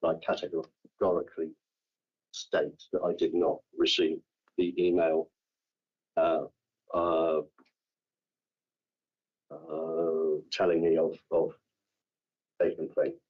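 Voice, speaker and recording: A man with a very deep, husky voice gives halting testimony at a formal hearing. He stumbles and repeats words as he explains himself. The sound is dull and lo-fi. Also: monotone. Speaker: councillor under investigation. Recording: dull lo-fi meeting room audio.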